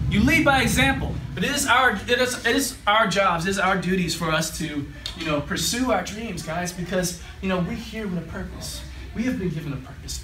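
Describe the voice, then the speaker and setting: High-voiced young man preaching in a room. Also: heavy background noise. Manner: exhorting, repeating phrases, calls on God in every line of prayer. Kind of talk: sermon and closing prayer. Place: small room with brick wall. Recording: roomy, distant, music behind.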